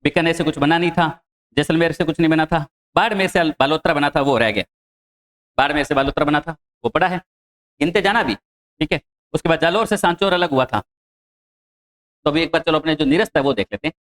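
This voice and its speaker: A male tutor with a Rajasthani Hindi accent and a slightly raised voice runs an exam-prep geography class. He asks a question, answers it himself and repeats it, and rattles off lists of place names in quick runs. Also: fairly high pitch, fairly bright tone. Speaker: teacher.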